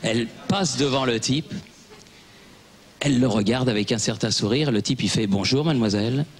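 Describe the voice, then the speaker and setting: A man's voice: mid-range voice, moderate pace. A man on a TV panel show telling a joke and acting out the characters' lines in different voices. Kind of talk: comic storytelling on a TV panel show. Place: TV studio.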